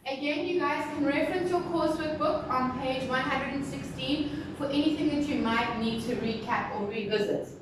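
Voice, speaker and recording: A woman teacher giving a recorded lesson to young pupils, speaking slowly and stressing syllables as she teaches new words. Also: high-pitched, distant mic. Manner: slow, deliberate, stressing syllables. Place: classroom with a board. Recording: very echoey room, voice from the mic, clear background noise.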